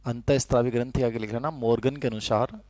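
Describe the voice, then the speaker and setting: A man's voice: medium pitch, fairly even intonation, fairly quick, dark tone, no room sound. A middle-aged man, teaching a lecture in a conversational way and repeating key terms so students can write them down. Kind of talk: classroom lecture with dictation.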